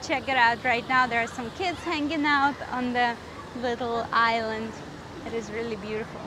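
A woman's voice: on the high side, fairly even intonation, normal speed. A woman vlogger narrating a casual walking tour outdoors at a resort lagoon, chatty and upbeat as she points things out. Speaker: travel vlogger, tour guide. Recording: outdoor noise, open air.

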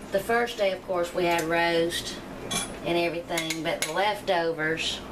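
Her voice sits low as this middle-aged woman talks through a home-kitchen cooking demonstration in a chatty, homey way full of side rambles. She hosts a cooking channel and speaks off camera into the camera mic, with background noise audible.

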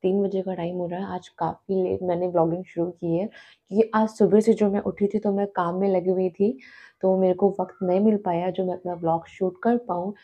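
A woman hosting a casual family vlog from home, talking softly and slowly so she won't wake the sleepers. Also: on the low side, flat delivery, slightly rough, lo-fi sound. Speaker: family vlogger. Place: home, indoors.

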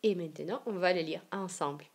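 A woman from Siberia with a Russian accent, teaching a language lesson online and explaining slowly and carefully. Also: lowish voice, gravelly, husky. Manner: slow, careful explanations with example readings.

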